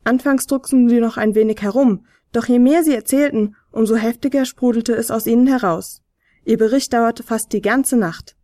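A woman narrating a children's advent story in a gentle, expressive read-aloud manner. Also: on the high side, moderate pace, no echo, studio quality.

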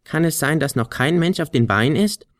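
A small talking flute with a girl's spirit, quick to fret and scold, her voice pitched well up. A man puts her on while reading the storybook aloud. The recording is dry and close. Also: lively intonation, dry recording, lightly acted. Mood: playful.

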